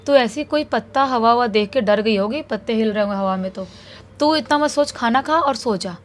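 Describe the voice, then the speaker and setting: Woman voicing a gentle soothing grandfather. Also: a little high, normal speed, natural voice. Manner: calm, soothing, fatherly.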